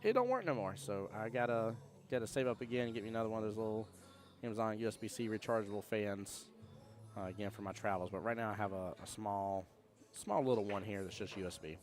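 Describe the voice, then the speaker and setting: Low voiced guy doing casual pool stream commentary, folksy, chatting to viewers. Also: fairly even intonation, fast, faint music behind. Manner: folksy, friendly address to viewers. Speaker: livestream pool commentator and host. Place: indoor pool hall. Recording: small fan near the mic.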